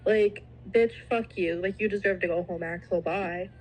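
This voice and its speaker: A woman's voice: medium pitch, moderate pace, poor audio. A woman from Canada talking as a podcast guest, blunt, profane and playful. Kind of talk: casual chat.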